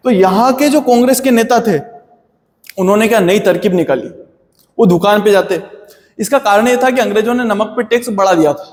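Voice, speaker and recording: A man's voice: sits high, fairly quick, a little mellow, long reverb tail. A man teaching a history lesson in a chatty, friendly way, calling his students "beta". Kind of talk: classroom history lecture.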